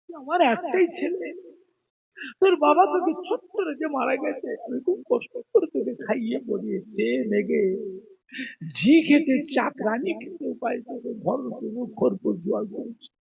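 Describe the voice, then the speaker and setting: Man voicing a softly pleading poor widowed mother. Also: very high voice, moderate pace, gravelly, breathy edge, narrow, tinny audio, pitched above the performer's own voice, exaggerated voice. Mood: worried. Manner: pleading, soft-spoken.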